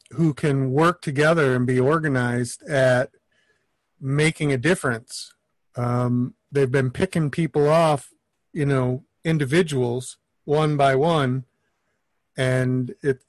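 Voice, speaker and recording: A man hosting a call, speaking hesitantly with many pauses and restarts. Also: medium pitch, dry recording. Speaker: host. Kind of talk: casual chat moderating callers.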